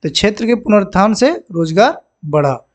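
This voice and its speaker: High-voiced Indian teacher explaining vocabulary. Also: male voice, very animated. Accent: Indian English. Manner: explains step by step, often asks "ठीक है ना"; reads example sentences slowly and deliberately. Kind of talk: bilingual exam-prep lesson.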